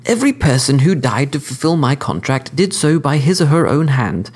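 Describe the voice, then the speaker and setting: A man voicing a sophisticated male killer who speaks with cordial, precise, lecturing calm. The figure's voice sits well above the man's own voice. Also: mid-range voice, moderate pace, slightly rough, pitched above the performer's own voice. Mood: cordially smug. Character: suave cordial male hitman, smug, sophisticated.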